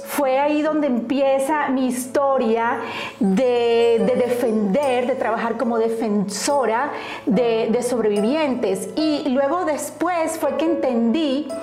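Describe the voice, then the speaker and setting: A woman's voice: high voice, slow pace, darkish tone, soft background music. Earnest Colombian woman, roomy recording. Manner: earnest, reflective, with fillers and restarts. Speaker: guest, author. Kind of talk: personal storytelling in interview. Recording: roomy echo.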